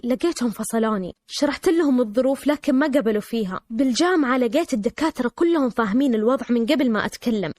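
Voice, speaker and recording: Storyteller woman, high voice, rapid emotional telling. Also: darkish tone, no room sound, clean studio sound. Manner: emotional, dramatic. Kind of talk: first-person dramatic storytelling.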